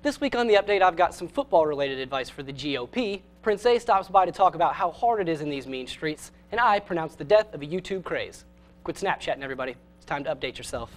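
A young man with a fairly high voice hosts a scripted comedy news show. He reads his jokes with a dry, sarcastic edge. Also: lively intonation, fast talker. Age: young adult. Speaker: host.

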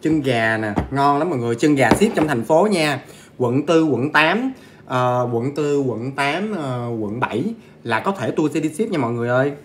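With lively intonation and a moderate pace, a man with a mid-range voice hosts a casual ghost-story livestream amid slight background noise. He talks directly to viewers in a chatty way, eating as he goes.

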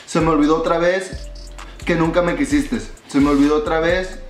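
A young man with a slightly high voice takes part in a casual challenge vlog, laid-back and giving short replies. He is recorded in a roomy, echoey bowling alley, with faint music behind him. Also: steady tone, quick pace. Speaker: vlog guest.

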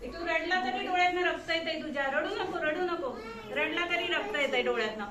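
A woman preschool teacher addresses a room of small children, urgent and coaxing, scolding them in turn. Her voice sits very high, and it comes from across a classroom that rings with echo. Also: fairly quick, a crowd in the background. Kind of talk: staged classroom awareness skit. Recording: echoey room, far from mic, noisy.

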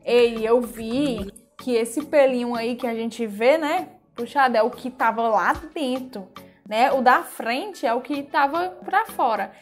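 With background music playing, a Brazilian-accented young woman reacts on camera in a slightly high, unhurried voice. She's chatty and exclamatory, in a relaxed style, and prone to bursts of giggling.

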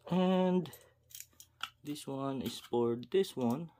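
Indoors at a wooden table, a fishing video host casually narrates how he repairs a rod while working. He speaks slowly in a slightly high, mellow voice, unhurried and pausing as he talks to himself, addressing viewers as "guys." There is slight background noise.

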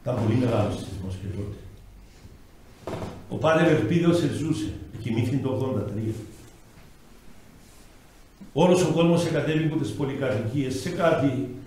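An older man with a Cypriot Greek accent, a bishop giving a sermon, telling stories and swinging between loud and hushed. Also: medium pitch, lively intonation, pauses often. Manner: storytelling, acting out quoted voices, swings from loud to hushed. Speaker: bishop preaching. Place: small chapel, heard from a distance. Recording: echoey chapel, mic far off, faint hiss.

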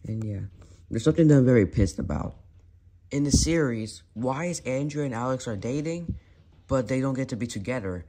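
Narrating his toy car elimination series at home, this man speaks at medium pitch with a dark, expressive tone and a brisk pace. He reels off names one by one in a loose, rambling play-by-play and frequently corrects himself.

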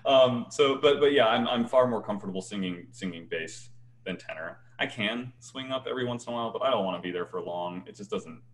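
Speaking from a small bright room at home on a video call, a young adult guest who sings bass in a choir chats casually and animatedly. His light voice is on the low side and a little fast, and he keeps restarting his sentences and laughing.

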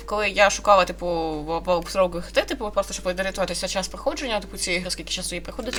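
Her lowish voice is a bit bright. She's a gaming video host in her twenties, doing casual let's-play commentary and reading game dialogue aloud, hesitant and rambling, frequently correcting herself.

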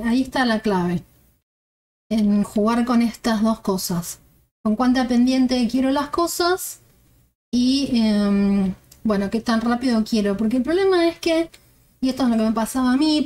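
A woman with a fairly high voice talks through a game tutorial. She explains each step calmly and thinks aloud while she works on screen.

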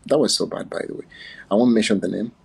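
A man's voice: on the low side, fast talker, creaky, breathy edge, rough recording. A man from Uganda hosting a casual, playful livestream chat on his phone, chatting and laughing often. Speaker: livestream host.

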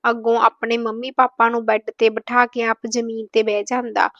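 Woman telling a sad family story, a bit high voice, dry dull lo-fi sound. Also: level tone, fairly quick, fairly bright tone, no room sound. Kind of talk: emotional story narration.

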